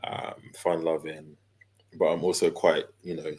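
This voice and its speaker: A man, chatting easily as an interview guest, relaxed and full of fillers and small laughs. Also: extremely low pitch, unhurried, husky. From London, England. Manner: laid-back, easygoing, with many fillers and laughs. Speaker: guest, character designer and illustrator. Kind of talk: casual interview chat.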